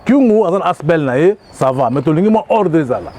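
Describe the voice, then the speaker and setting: A man's voice: on the high side, animated, fast, dark tone. A man who leads a community of customary chiefs answers interview questions, speaking emphatically and checking often that he is understood. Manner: emphatic, often repeats "vous comprenez?". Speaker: president of a traditional chiefs' community.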